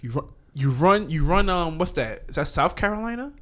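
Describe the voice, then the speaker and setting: A man's voice: a little high, lively intonation, fairly quick, noisy background. A man co-hosting a podcast, joking around and laughing often in casual chat. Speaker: podcast co-host.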